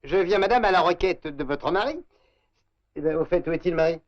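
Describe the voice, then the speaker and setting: Un acteur jouant un commissaire de police pompeux et cérémonieux, au parler formel et un peu empêtré, dans un vieux film. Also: male voice, fairly high pitch, animated, fairly quick, close to an everyday voice. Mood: formal. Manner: formal, ceremonious, fumbling. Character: pompous formal police commissioner. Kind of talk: 1930s French film acting. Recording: dull lo-fi old film soundtrack.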